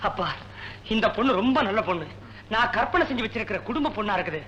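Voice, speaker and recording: A man's voice: high voice, expressive, fast talker, sharp tone, lo-fi sound, slight background noise. An actor playing a naive, simple-minded young man who blurts things out in a 1970s film comedy. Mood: eager. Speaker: manager's naive son.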